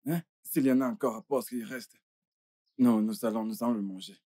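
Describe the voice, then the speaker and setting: Soft resigned older brother, a man acting. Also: mid-range voice, fairly quick, no room sound, clean studio sound, lightly acted. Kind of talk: dubbed film dialogue.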